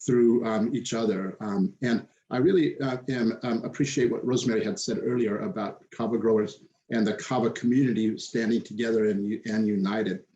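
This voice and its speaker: A man who runs a kava export company answers on a webinar panel. He pauses often and fills the gaps. His warm, low-key voice carries the echo of a bare room. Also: steady tone, lo-fi sound. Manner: hesitant, many fillers.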